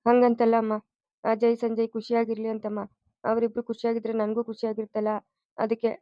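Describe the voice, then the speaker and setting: A devoted young foster son, acted by a woman, speaks in a soothing, pleading way. His voice sits fairly high and stays flat in melody. The cartoon track sounds dull and dry. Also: brisk, no echo, close to an everyday voice. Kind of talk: cartoon voice acting.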